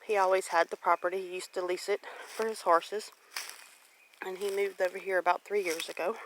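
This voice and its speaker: Walking around her rural land with a handheld camera or phone, a Southern US woman in her forties narrates casually for her homestead vlog. Her fairly low, fairly bright voice is brisk yet unhurried in manner, with fairly even intonation, and the outdoor audio is noisy and clicky.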